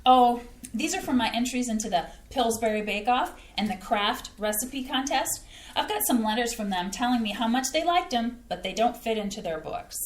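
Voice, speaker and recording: Animated and a little high, she moves at a moderate pace, lightly acting the role of a homey, gabby Midwestern mom who loves showing off her cooking. This play reading on a community theater stage picks up room echo plus some faint hiss or hum.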